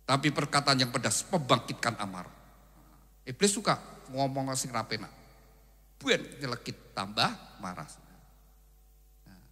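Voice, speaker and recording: Bright-voiced preacher in a reverberant hall. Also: male voice, on the high side. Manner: animated preaching, acting out quoted spouses and mixing in Javanese phrases. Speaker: pastor. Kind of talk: wedding sermon.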